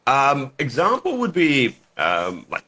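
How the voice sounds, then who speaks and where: A man, born in Lithuania and raised in the UK, speaking haltingly as a guest on a radio talk show. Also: medium pitch, huge pitch swings, sharp tone, slightly rough. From United Kingdom. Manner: halting, restarts often, laughs easily.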